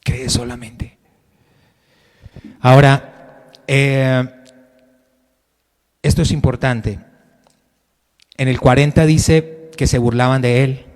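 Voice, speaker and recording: A man preaches a Sunday sermon at a middle pitch, now loud, now hushed, often asking his listeners questions. His voice rings with the long reverb of a church hall. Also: steady tone, slow pace, long pauses, smooth. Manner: preaching with sudden rises and drops in loudness, direct questions to the congregation. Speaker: pastor.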